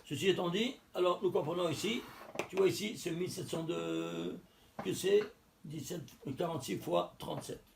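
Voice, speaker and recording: A man's voice: high-pitched, big pitch swings, normal speed, gravelly, darkish tone, slight background noise. A man giving a religious text lesson, explaining step by step, counting letters aloud and asking and answering his own questions. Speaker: teacher.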